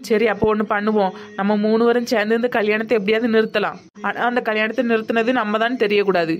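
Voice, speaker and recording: A woman voicing a confident young woman in an animated family drama, reassuring and plotting. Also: medium pitch, quick pace, highs cut off, faint music behind, close to an everyday voice. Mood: scheming.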